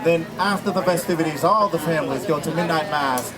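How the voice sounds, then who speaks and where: Man acting solemn Magi king, high male voice, declamatory, live storytelling, outdoor crowd. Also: brisk, lightly acted. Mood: stately. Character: stately Balthazar, one of the Three Kings.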